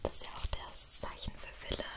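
A woman in her twenties speaking in a soft, breathy whisper, chatting casually in an unhurried, hesitant ASMR style close to the microphone. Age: 20s. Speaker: ASMR video creator. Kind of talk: whispered ASMR, casual personal chat to viewers. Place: small indoor room. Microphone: close stereo microphones on either side.

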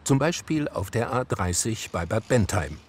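Wry low-voiced documentary narrator man. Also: expressive, moderate pace, slight background noise. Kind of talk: scripted TV narration.

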